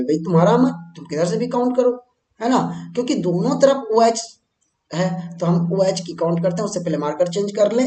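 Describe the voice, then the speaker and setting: A high-sitting, dark-toned male voice echoes in a reverberant room. The speaker, from India, is teaching chemistry for board exams at a whiteboard, chatting as he goes and asking his students questions before answering them himself.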